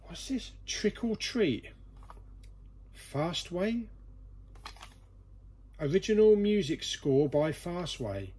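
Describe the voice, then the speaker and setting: A vlog host goes through a collection in a storeroom full of boxes, keeping things chatty and playful. His high voice is sing-song and warm, slow with long pauses, and there's slight background noise.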